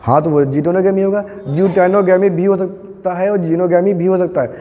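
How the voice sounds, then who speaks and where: A man's voice: high voice, fairly even intonation, a little fast, warm tone. Male teacher, classroom lecture, patient questioning, echoey hall. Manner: patient, asks students questions, calls them "beta". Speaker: biology teacher. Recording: long echo in a hall.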